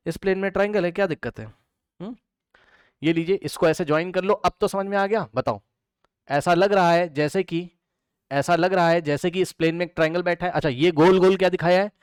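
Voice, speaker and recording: A man's voice: sits high, brisk, clean tone, dry recording. A man teaching chemistry to students in a lecture, who asks questions and answers them himself and repeats the key terms.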